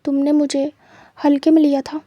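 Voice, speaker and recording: A woman voicing a menacing, possessive young man who gloats and threatens in a quiet, low voice for a storybook reading. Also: flat delivery, moderate pace, dry recording, muffled recording, close to an everyday voice. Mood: gloating.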